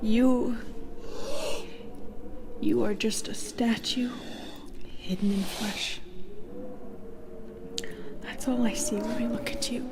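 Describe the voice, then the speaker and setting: A woman playing a bitter, lonely immortal Medusa in an audio roleplay, halting and menacing, often dropping into a breathy whisper. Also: on the high side, steady tone. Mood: weary, anguished. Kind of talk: dramatic audio roleplay monologue. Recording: clearly noisy background ambience.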